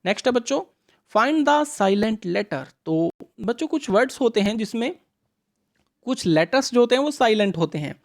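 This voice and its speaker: A woman's voice: fairly high pitch, animated, darkish tone. Patient woman teaching English to children. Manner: patient, questions the class and answers herself; reads English sentences out slowly. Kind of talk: revision lesson for schoolchildren.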